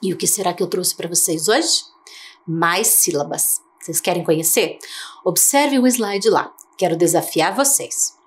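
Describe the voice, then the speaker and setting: In a TV studio, a Brazilian woman teacher gives a televised lesson to young children in a lowish voice. She goes slowly and coaxingly, asking lots of questions.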